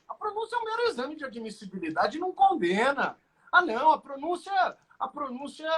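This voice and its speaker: A man's voice: extremely high pitch, fairly bright tone, breathy edge. A middle-aged Brazilian man, a defense lawyer, explaining a legal argument in conversation, with emphasis, rhetorical questions and a story from his childhood. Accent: Brazilian Portuguese.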